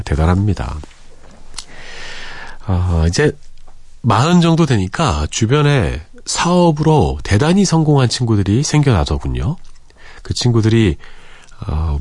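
A man in his forties hosting a late-night radio show, chatting easily and reading listener messages with soft breathy asides. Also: on the low side, dry recording. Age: 40s. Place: radio studio. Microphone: close studio microphone.

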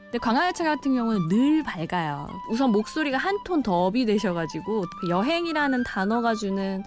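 A woman's voice: fairly high pitch, very animated, fairly quick, over music. A woman in her thirties, a tourist train attendant, answering an interview in an earnest, reflective way.

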